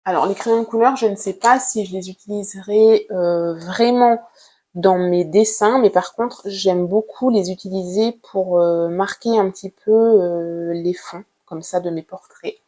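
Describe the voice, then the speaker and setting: Gentle and unhurried, a female art vlogger hesitates often, dropping "euh" again and again as she presents her drawing supplies in a relaxed show-and-tell; her voice sits mid-range and her pace is slow.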